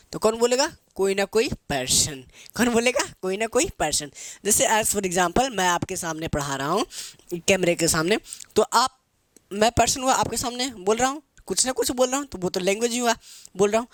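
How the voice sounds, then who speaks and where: A man's voice: high voice, fairly bright tone, no room sound. A man teaching grammar in a playful, joking way, asking questions and answering them himself. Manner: asks questions and answers himself, calls viewers babu.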